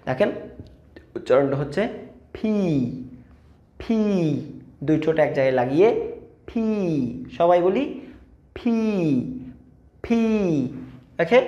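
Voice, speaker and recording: Bangladeshi man teaching pronunciation, echoey. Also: on the high side. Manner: slow, drawn-out model sounds repeated for learners. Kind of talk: classroom pronunciation lesson. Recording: echoey room, dull lo-fi sound.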